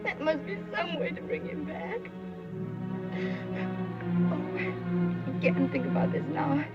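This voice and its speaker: An actress playing a distraught young belle in a 1930s film, with a pleading, tearful manner. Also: female voice, high-pitched, sing-song, takes it slowly, full character voice. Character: distraught young Southern belle, desperate and willful. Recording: dull old film soundtrack with loud orchestral music.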